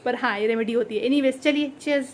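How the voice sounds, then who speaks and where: Young female home vlogger, high voice, chatty running commentary. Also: moderate pace, a little hiss or hum. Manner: chatty, narrates events to the viewers. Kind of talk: casual home vlog chat. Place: home balcony at night.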